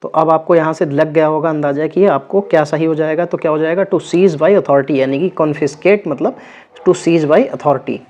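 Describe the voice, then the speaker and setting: A man with a slightly high, darkish voice speaks at normal speed with fairly even intonation. He's teaching an exam vocabulary lesson, going over word meanings, repeating words, and checking in with his students after each one.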